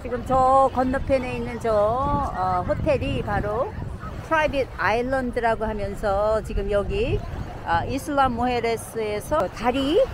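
A middle-aged woman, a travel vlogger, narrating what she sees outdoors on a beach and a sailboat, excited and chatty, recorded on a handheld camera. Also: fairly high pitch, a little slow, background noise. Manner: excited, describing sights as she films.

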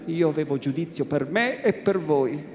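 A man's voice: fairly high pitch, moderate pace, darkish tone, slight background noise, lightly acted. A male reader voicing a frightened, timid old village priest who pleads and complains, heard in a large cathedral. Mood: aggrieved. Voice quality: pleading, fearful. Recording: echoey cathedral, faint ambience.

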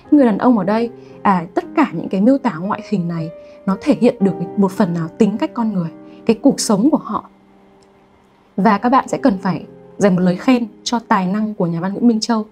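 A young woman teaching a literature lesson in a soft, mellow voice, lively, and forever turning to her students with rhetorical questions. Faint music plays behind her. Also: mid-range voice.

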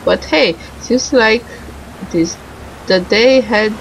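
Over background music, a woman with a slightly high, gravelly voice slowly reads a visual novel's dialogue aloud as casual game commentary, stumbling on some words, correcting herself and adding asides. The recording is rough, with slight background noise.

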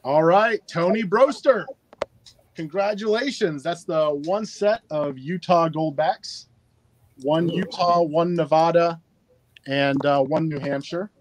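Man, slightly high voice, upbeat and chatty, live stream host, talking into a phone. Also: slow pace, no echo, poor audio. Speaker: livestream giveaway host. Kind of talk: casual live stream chat.

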